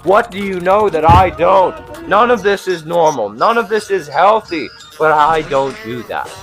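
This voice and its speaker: A young man's animated, fairly high, slightly bright voice moves at a measured pace, with faint music behind it. He's delivering a scripted absurdist comedy bit in the style of a mock stand-up host, full of exasperated sarcasm, theatrical flair, free swearing and rhetorical questions.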